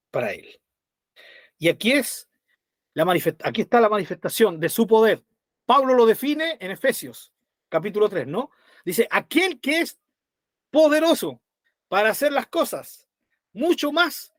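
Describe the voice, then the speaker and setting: A man leading a conversational Bible study, animated, retelling scenes and checking in with his listeners as he goes. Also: high-pitched, no echo, studio quality.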